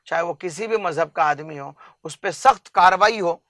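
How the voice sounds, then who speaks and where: A man's voice: sits high, bright, forceful tone, no room sound, clean studio sound. A man from India, an interview guest making an impassioned public appeal, earnest and emphatic, stacking up long lists of examples.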